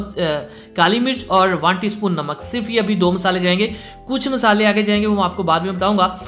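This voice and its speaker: A man's voice: high-pitched, fairly bright tone. A man hosting a cooking tutorial in voice-over, with instructive delivery that keeps repeating warnings. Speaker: cooking channel host.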